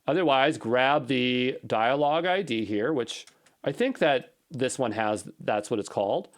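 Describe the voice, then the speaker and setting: A man with an expressive, medium-pitched voice speaks at a measured pace while improvising a coding walkthrough as an instructor. He reasons out loud in a hesitant, reflective way, doubting himself along the way.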